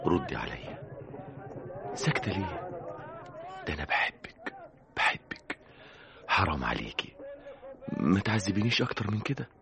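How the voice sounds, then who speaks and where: Lovesick young egyptian man, deep voice, swings up and down a lot, begging and tender. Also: big pitch swings, moderate pace, creaky, long pauses, background noise, heavily acted. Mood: pleading. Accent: Egyptian Arabic. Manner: pleading, tender, intense. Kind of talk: 1960s Egyptian radio drama acting. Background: music.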